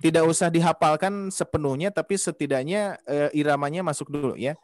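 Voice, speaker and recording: A man's voice: a little high, no room sound. A man teaching Quran recitation in an online class, patiently walking students through a melody step by step. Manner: patient, repeats melody drills slowly and sings the tones. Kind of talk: online class over video call. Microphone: video call.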